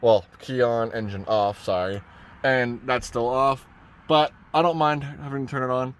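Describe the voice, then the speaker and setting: A man with a medium-pitched, steady, clean voice speaks at a normal speed. He's a vlogger in the cab of a parked pickup, casually demonstrating a truck radio install and rambling as he thinks out loud.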